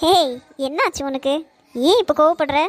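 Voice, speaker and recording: A woman voicing a calm, puzzled senior college girl in a cartoon. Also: sits high, moderate pace, no echo, lightly acted. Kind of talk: Tamil cartoon voice acting.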